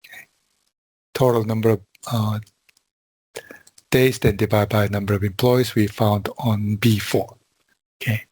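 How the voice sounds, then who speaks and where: A man teaching a class over a video call, walking through spreadsheet formulas in a slow, halting way with frequent fillers. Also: fairly low pitch, steady tone, a little mellow, slightly rough, no echo, rough recording. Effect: heard over a video call. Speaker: instructor. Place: video call from a quiet room. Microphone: computer mic on a video call.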